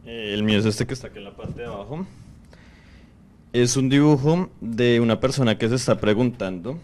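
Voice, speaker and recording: A man's voice: medium pitch, a little fast, darkish tone, slight background noise. A man doctoral student reflectively presenting his drawing to the class.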